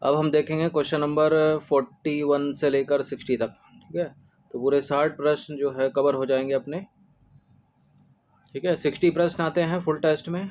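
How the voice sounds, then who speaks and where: A man's voice: fairly high pitch, fairly even intonation, moderate pace, darkish tone. A man teaching an exam-prep lesson, going through test answers and repeating spellings, often adding a filler of agreement. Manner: repetitive, drills spellings with "ठीक है" fillers.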